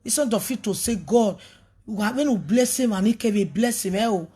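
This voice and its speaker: A woman ministry leader talks on a live video in an animated, preachy, emphatic way, moving between pidgin, English and a local language. Her medium-pitched voice is expressive and warm with a breathy edge, at a normal speed.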